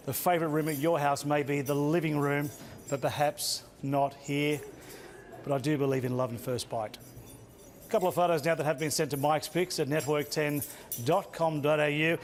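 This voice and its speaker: A man's voice: a little high, steady tone, normal speed, slight background noise. A man with an Australian accent presenting a TV weather forecast from an outdoor location, in a playful, jokey way.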